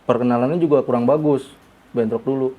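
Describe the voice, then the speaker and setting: A man from Bogor, a guest in a casual interview, recounting events haltingly with many fillers. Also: medium pitch, steady tone, phone-quality sound. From Bogor, Indonesia.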